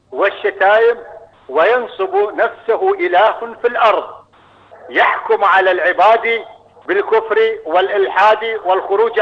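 A man calling in to a show, arguing heatedly and lecturing, repeating himself, heard through a phone line. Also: high-pitched. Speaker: caller. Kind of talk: angry phone-in argument.

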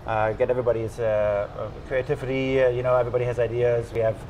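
A man in his thirties with a German accent, an executive chef answering interview questions calmly, with many "uh" and "you know" fillers, in a restaurant booth. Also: medium pitch, fast, a little hiss or hum, poor audio. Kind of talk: casual interview.

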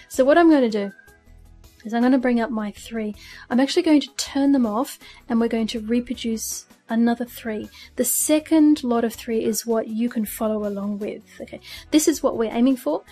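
Woman tutorial host, chatty, self-laughing, slightly high voice, faint music under. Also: moderate pace, dark tone. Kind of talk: casual screen-recorded tutorial. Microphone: desk microphone with audio filters. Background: fan hum and birds.

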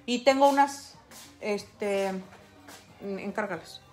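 A woman's voice: mid-range voice, slow pace, a little mellow, soft background music. Chatty woman livestreaming her painting. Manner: chatty, talks straight to viewers. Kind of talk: casual livestream chat.

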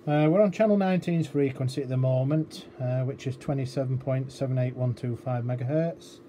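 At an indoor electronics workbench, a man gives an informal repair walkthrough, explaining hesitantly as he thinks aloud. His mid-range voice is dark-toned and fairly quick. The workshop recording is clearly noisy.

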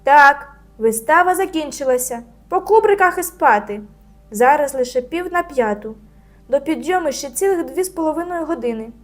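A woman voicing a strict camp counselor in a storybook reading, scolding loudly. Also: steady tone, quick pace, few pauses, faint music behind, close to an everyday voice. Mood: stern. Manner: scolding, shrill when shouting.

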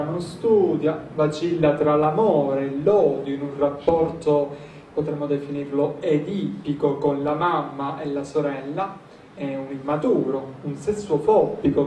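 A man's voice: fairly high pitch, warm tone. A man presenting a literary event, talking conversationally and addressing the audience directly. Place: event hall. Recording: echoey hall, distant mic, faint noise.

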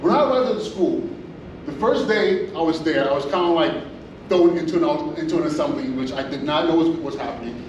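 His slightly fast, high-leaning voice comes through as dull audio, captured by a far camera with no mic amid echo and audible noise in a large hotel meeting room. The speaker, a middle-aged principal from Inglewood, California, gives an energetic conference presentation, stumbling into restarts and fillers.

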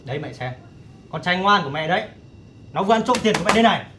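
A man's voice: high voice, lively intonation, racing, background noise. An actor playing a stern elder son who scolds his younger brother. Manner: stern, lecturing.

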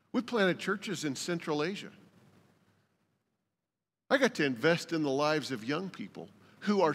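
Lively folksy older man preaching. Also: on the high side, slightly rough, in a large hall. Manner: folksy, joking storyteller. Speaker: lead pastor. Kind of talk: sermon. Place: church sanctuary.

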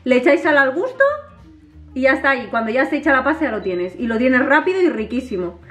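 A chatty woman from with a high voice talks straight to her viewers in a casual home vlog. She stays animated and friendly, speaking from her kitchen. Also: fast talker, faint music behind. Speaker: vlogger.

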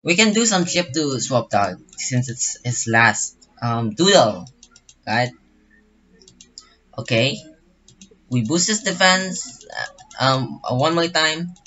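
A man's voice: medium pitch, very animated, takes it slowly, pauses often, sharp tone, dull audio. A young man commentating his own online game battle in a casual, rambling way, full of fillers and restarts. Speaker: gaming channel host.

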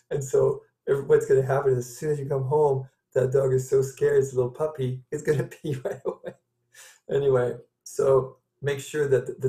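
A male college instructor lectures in a loose, conversational way, often stopping to restart his sentences. His voice is dark and mellow at an ordinary pitch. The recording carries a noticeable room echo. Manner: rambling, conversational, many fillers and restarts.

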